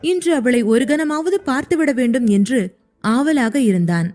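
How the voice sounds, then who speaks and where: A woman narrating an audio story in an even, steady reading voice. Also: high-pitched, moderate pace. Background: faint music.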